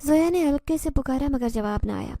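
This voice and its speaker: A woman's voice: sits high, expressive, mellow, no room sound, studio quality. A woman storyteller giving a suspenseful, scripted narration of a horror story.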